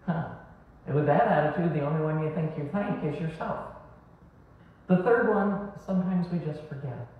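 A woman preaching a sermon in a small church, her slow and deliberate words rising and falling for emphasis. The sound comes from a camera well across the room, so heavy echo fills the space and the audio is dull and muffled. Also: fairly low pitch, recorded from a distance. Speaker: pastor. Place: small church sanctuary, indoors. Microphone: far camera.

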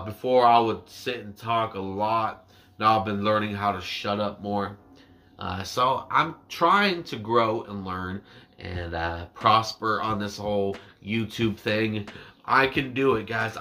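Speaking in a lowish yet bright voice, this young man in his 20s makes reaction videos and talks loosely to the camera in a small room with a dark backdrop. He wanders off topic, drags out his words, and is self-deprecating.

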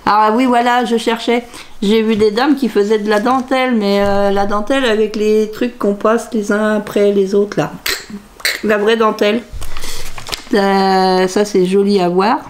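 A middle-aged woman, a crafts vlogger, chats casually to camera in her home craft room, musing aloud and half-singing repeated phrases in a sing-song way while she hunts through her purchases. Her voice is medium-pitched and flat, a little slow, with a slight hiss or hum.

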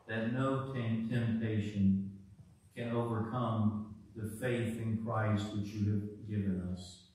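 A man leads liturgical prayers at an unhurried, measured pace, pausing between each phrase. His voice sits at an ordinary pitch and is caught from a distance. A heavy cathedral echo hangs around every word. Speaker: officiant leading the prayers. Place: large church. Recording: echoey church, mic far off.

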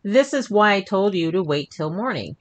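A man with a very deep voice voicing his teasing, skeptical wife in a high, drawn-out voice during a spoken horror story. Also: animated, a bit bright. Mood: wry. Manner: taunting, slow and drawn out.

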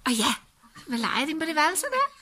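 A woman from Denmark, a mother and grandmother, chatting at home and cooing over the dogs. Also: high-pitched. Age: older. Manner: fussing lively chatter, coos at dogs. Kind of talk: casual family chat. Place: home living room.

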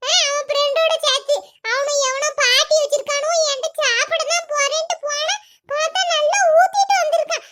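Woman doing a village comedy skit, very high voice, quick bickering banter. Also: fairly even intonation, fairly bright tone, slight background noise. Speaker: skit performer.

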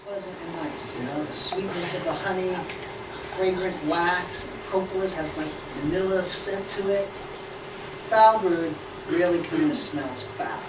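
A man's voice: high voice, measured pace. Male beekeeping instructor, 40s, practical and explanatory, captured by a distant camera with noise. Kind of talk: hands-on teaching talk. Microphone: far camera. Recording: echoey and noisy from far off.

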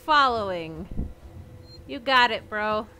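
A woman's voice: medium pitch, expressive, takes it slowly, pushed and bright, a little hiss or hum. A woman livestreaming a video game with playful, silly commentary full of babble and exclamations. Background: game music and sound effects.

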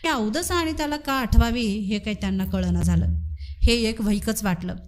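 A woman narrating a Marathi village story aloud in an expressive, measured way. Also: mid-range voice. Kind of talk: story reading.

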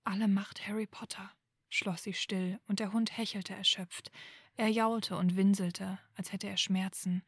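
A woman narrating a fan fiction audiobook in a calm, measured way. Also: medium pitch, breathy edge, no echo, studio quality.

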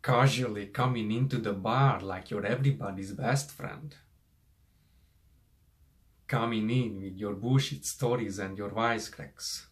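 A young man performing an audition monologue as a menacing, jealous man confronting a rival in a deliberate, confrontational way. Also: on the low side, close to an everyday voice. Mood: cold contempt. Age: young adult. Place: small furnished room indoors. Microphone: camera a short distance away.

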